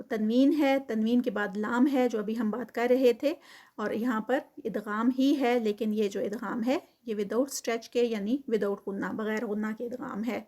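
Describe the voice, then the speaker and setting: A woman teaching Quran tajweed, reciting slowly and drawing out the words, then explaining the rules quickly. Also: fairly high pitch, darkish tone. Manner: slow drawn-out recitation between quick explanations. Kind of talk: tajweed lesson.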